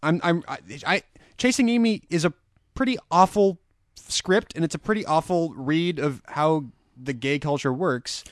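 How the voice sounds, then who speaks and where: A man's voice: on the high side, normal speed, no echo. A man in casual podcast chat about films, blunt and opinionated with dry humor. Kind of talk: casual chat, film criticism.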